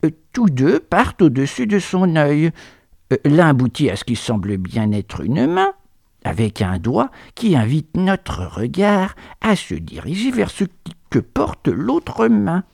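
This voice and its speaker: A man tells a whimsical story in a gravelly voice with a wide, swooping melody. His delivery is theatrical, dipping into whispers at moments, in a dry, close sound. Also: a little high, wildly swooping pitch, unhurried, a little mellow, no echo. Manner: theatrical, drops to whispers for effect. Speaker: chronicler.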